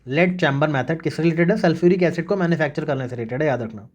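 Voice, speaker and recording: Recorded with a lo-fi sound, a fairly high-pitched man teaches an exam revision lesson. He drills facts using mnemonics in a brisk, repetitive way, frequently repeating "remember this" (याद रखना) and "okay" (ठीक है).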